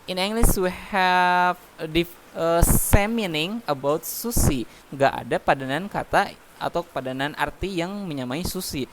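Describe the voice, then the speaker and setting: A man's voice: a little high, a little slow, a bit bright. A man teaching an English class from home, explaining patiently with many fillers. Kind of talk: online English class, mixing Indonesian and English. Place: home, heavy rain outside. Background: rain noise.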